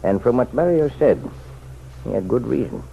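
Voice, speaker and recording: In a muffled, noisy vintage radio drama, an actor plays a nosy townsman who has appointed himself the sheriff's helper. His medium-pitched, gravelly voice is animated and moves at normal speed, earnest and pressing. He leans in with folksy, chummy, persuasive advice, insistent and insinuating in its pointedness.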